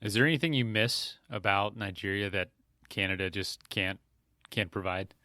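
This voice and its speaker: A man's voice: lowish voice, steady tone, moderate pace, sharp tone, dry recording, clean studio sound. A man hosting a podcast, asking casual interview questions and repeating words as he goes. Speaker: podcast host.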